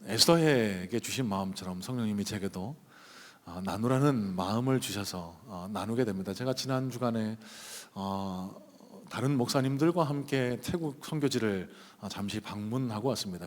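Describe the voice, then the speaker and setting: A male pastor telling a personal story in a sermon, conversational and full of hesitant fillers, speaking from the pulpit of a church sanctuary. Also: on the low side. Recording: long reverb of a church hall.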